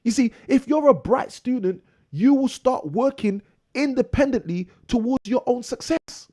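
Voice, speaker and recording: A man's voice: very high-pitched, lively intonation, moderate pace, dark tone. A man hosting a live property investing show, delivering a preachy motivational monologue that repeats phrases for emphasis.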